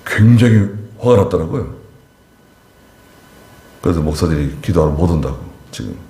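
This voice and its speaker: A pastor delivering a Wednesday service sermon, telling stories with emphatic rises and quiet asides. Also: male voice, normal speed. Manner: animated storytelling, voice rising sharply for emphasis and falling low for asides. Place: church sanctuary. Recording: echoey church hall.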